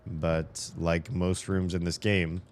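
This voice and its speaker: Deep-voiced and level in tone, this man takes his time while commentating on a video game. He's a streamer doing a casual let's-play, rambling, thinking aloud, cursing occasionally and laughing, his voice a bit strained as though he's starting to lose it.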